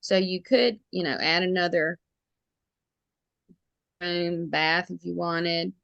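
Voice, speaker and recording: Bright-voiced woman with thick Southern accent. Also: on the low side, steady tone, takes it slowly, gravelly, no room sound, muffled recording. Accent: thick Southern US, Alabama. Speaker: realtor, interview guest. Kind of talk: casual chat.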